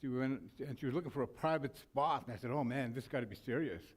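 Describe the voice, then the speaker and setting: A man's voice: medium pitch, fast. A man co-hosting a forum, giving closing remarks with a rambling, storytelling manner full of restarts. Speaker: forum co-host.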